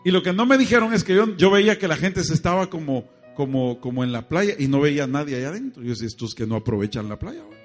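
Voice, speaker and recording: A man's voice: fairly high pitch, fast talker, few pauses, faint music behind. A man preaching an evangelical sermon, telling stories and speaking directly to his congregation. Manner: addresses congregation directly, animated storytelling.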